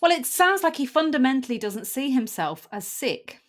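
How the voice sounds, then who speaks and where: A woman doctor hosting a podcast, talking in a thoughtful, measured way and often murmuring agreement. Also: high voice, very animated. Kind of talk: casual conversation.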